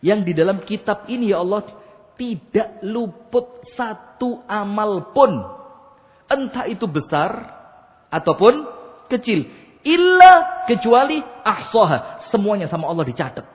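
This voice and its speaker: Preacher, high voice, echoey hall. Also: male voice, lively intonation, a little slow. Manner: storytelling, acts out quotes, chants Quran verses. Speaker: Islamic preacher. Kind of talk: mosque sermon. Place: mosque hall. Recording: echoey hall over a tinny line.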